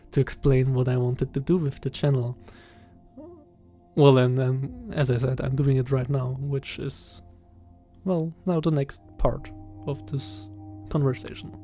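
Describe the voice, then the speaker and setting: A young man in his twenties with a German accent, talking casually in a podcast-style voiceover, hesitant and halting with many fillers and soft chuckles. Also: mid-range voice. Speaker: channel host. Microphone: voiceover recorded separately.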